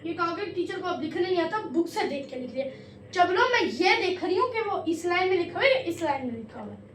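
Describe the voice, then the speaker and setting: A woman teaching an Urdu class, scolding students strictly and reading verse lines slowly. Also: extremely high pitch, very animated, echoey room, distant mic, slight background noise. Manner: slow drawn-out verse reading. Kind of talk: classroom lesson.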